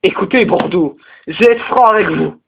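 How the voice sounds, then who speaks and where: A young man with a Belgian French accent playing a crude, rambling male teacher in a comedy sketch, lurching into high, indignant outbursts. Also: moderate pace, creaky, slightly rough, dull audio, heavily acted. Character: crude, touchy male teacher, single, lives with parents. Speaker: teacher at a parents' meeting.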